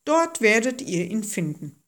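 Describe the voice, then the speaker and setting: A woman's voice: fairly high pitch, very animated, unhurried. A woman voicing a scheming old king in a storybook reading, with a sly, falsely friendly manner. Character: scheming old male king, cunning tyrant.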